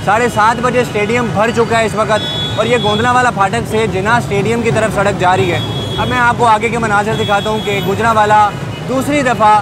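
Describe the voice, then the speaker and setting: A man's voice: sits high, fairly even intonation, brisk. A young man giving a walking on-the-spot video report through busy city streets at night, with running commentary as he moves. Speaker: vlogger reporting from a rally. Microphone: lapel mic. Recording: loud crowd and street noise. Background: loud crowd chanting, traffic.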